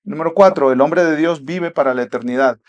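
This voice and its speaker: High-voiced, emphatic male preacher. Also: fairly quick, muffled recording. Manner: emphatic, repeats rhetorical questions, swings from loud to hushed. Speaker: pastor. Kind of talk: sermon.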